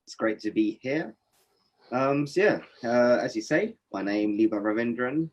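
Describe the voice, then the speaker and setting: A man's voice: medium pitch, animated, unhurried, a little mellow, muffled recording. A man from Norway, a poet and interview guest, giving thoughtful, reflective answers with many fillers and restarts on a webinar call. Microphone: webinar video call.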